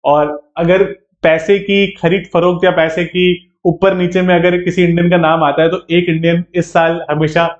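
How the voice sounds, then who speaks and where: A male law entrance exam teacher with an Indian English accent speaks on the high side at a moderate pace, with little pitch movement and hardly any pauses. He runs a chatty live online prep class, often checking in via tag questions, in an echoey room with dull lo-fi sound.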